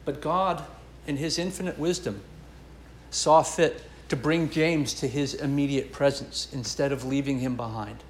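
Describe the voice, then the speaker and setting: A man's voice: medium pitch, steady tone, unhurried, roomy sound, slight background noise. A man preaching a sermon as pastor, earnest and emphatic, building and dropping his intensity.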